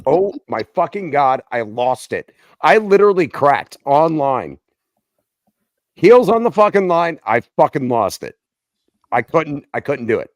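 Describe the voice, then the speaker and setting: A man's voice: fairly high pitch, measured pace, dry recording, clean studio sound. A male veteran telling boot camp stories in casual chat, blunt and full of profanity. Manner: heavy profanity, blunt and animated. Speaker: Marine veteran guest.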